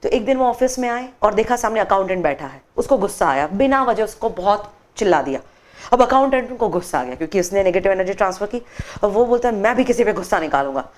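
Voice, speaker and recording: A woman's voice: medium pitch, fast. A woman trainer speaking in a studio TV interview, explaining her workshops and telling a story expressively, voicing the characters in it. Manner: expressive, acts out quoted voices while telling a story. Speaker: meditation workshop trainer, guest.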